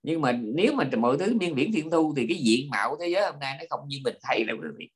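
A man, a Buddhist monk giving an informal dharma talk, lively and full of fillers and repeated words. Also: a little high, fast, breathy edge. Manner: lively storytelling with frequent fillers and repetitions.

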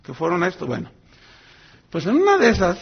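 High-voiced husky pastor preaching. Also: male voice, a little fast, highs cut off. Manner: lively storytelling with acted quotes. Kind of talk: sermon.

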